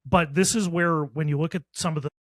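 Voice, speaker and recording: A man's voice: fairly high pitch, fairly even intonation, fairly quick, dry recording. A man co-hosting a podcast who discusses films in a confident, opinionated way. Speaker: podcast co-host. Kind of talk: casual film discussion.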